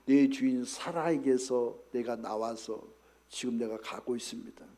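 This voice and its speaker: A man voicing Hagar, a proud servant woman, with slow, halting speech. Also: medium pitch, dark tone, voice pushed down, close to an everyday voice. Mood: humbled.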